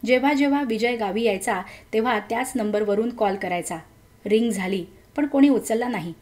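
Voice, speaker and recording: A woman reading a story aloud as its narrator, in a gentle, emotive way. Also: on the high side, moderate pace.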